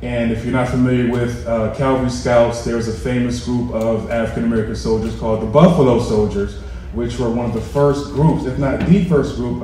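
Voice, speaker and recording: A man's voice: medium pitch, warm tone, slight background noise. Earnest man speaking in an echoey hall. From Rochester, New York. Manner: earnest, building to emphatic peaks. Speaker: veteran speaker. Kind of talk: personal story speech. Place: large hotel meeting room, indoors. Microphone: handheld mic heard from far off. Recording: echoey room from a distance.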